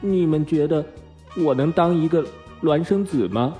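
A man's voice: high-pitched, normal speed, mellow, faint music behind, voice pushed up, close to an everyday voice. A man voicing a humble, gloomy little boy who speaks meekly and downheartedly. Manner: meek, downcast.

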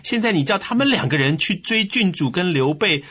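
A man's voice: high-pitched, a little fast, husky, dull audio, voice pushed up, exaggerated voice. A man voicing a gossipy male messenger eagerly reporting news to his lord. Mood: tattling. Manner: animated, tattling, rising excitement.

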